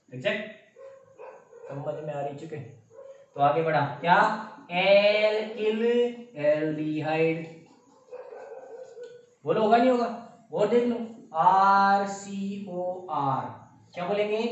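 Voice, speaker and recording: High-voiced male teacher quizzing his class; very echoey, mic set far off. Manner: animated, keeps quizzing the class. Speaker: chemistry teacher. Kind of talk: classroom lecture. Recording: roomy, distant, muffled sound.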